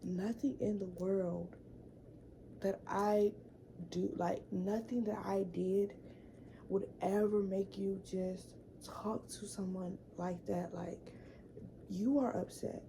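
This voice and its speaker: A woman's voice: medium pitch, steady tone, takes it slowly, vocal fry, warm tone, a little hiss or hum, poor audio. A young woman telling a casual storytime vlog story, chatty, full of fillers and repeated words. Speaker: vlogger.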